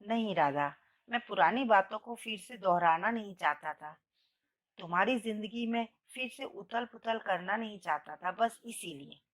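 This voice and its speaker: A woman voicing a gentle, grey-haired older male teacher who speaks softly and kindly in a told story. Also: mid-range voice, normal speed, lightly acted. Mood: soft, regretful. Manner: soft, fatherly, calls her "beti".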